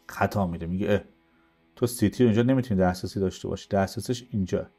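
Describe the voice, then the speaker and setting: A man teaching programming in a coding tutorial, explaining step by step and answering his own questions. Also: mid-range voice. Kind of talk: screen-recorded coding tutorial.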